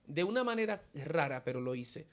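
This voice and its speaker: A man's voice: on the high side, very animated, normal speed, crowd noise. A man giving a personal faith testimony in an interview, telling his story vividly and acting out the dialogue he quotes.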